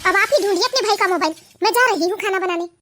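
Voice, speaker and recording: A woman's voice: extremely high pitch, very fast, pushed and bright, slight background noise. A woman voicing a snappish, scheming young wife in a cartoon. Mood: irritated. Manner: snappish, sarcastic. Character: scheming young pregnant wife, sharp-tongued and irritable. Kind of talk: animated cartoon voice acting.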